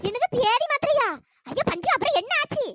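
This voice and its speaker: A woman voicing a worried, gullible old mother-in-law in a comic skit, with a shrill, fretful manner. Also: expressive, brisk, fairly bright tone, soft background music. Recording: noisy home recording.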